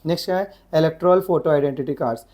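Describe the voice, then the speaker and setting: A woman tutor, going over exam answers, reading English definitions slowly and explaining them in quick, chatty full of rhetorical questions. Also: sits low, mellow. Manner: slow dictated English definitions, quick conversational Hindi explanations; keeps asking rhetorical questions. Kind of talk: exam revision lesson.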